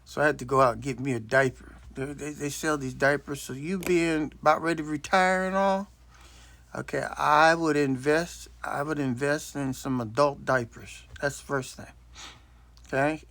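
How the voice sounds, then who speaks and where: A man's voice: on the high side, fairly even intonation, moderate pace, a bit bright, dry recording. A man in his late sixties telling a rambling, blunt story as a casual monologue into his phone. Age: 60s. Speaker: vlogger. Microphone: self-recorded on a phone.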